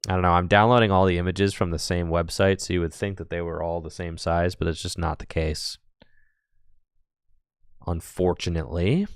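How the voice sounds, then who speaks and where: Deep-voiced chatty male commentator. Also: little pitch movement, moderate pace, clear, resonant tone, no room sound, clean studio sound. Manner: chatty, thinking aloud, self-correcting. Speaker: tournament commentator. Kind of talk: casual play-by-play commentary.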